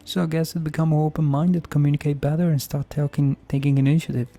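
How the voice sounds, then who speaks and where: A man reading out a disgruntled office worker from a game, with deliberately amateurish, bad acting. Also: fairly high pitch, flat delivery, dark tone. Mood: earnest, hopeful. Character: disgruntled office worker griping about his boss. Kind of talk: reading game dialogue aloud.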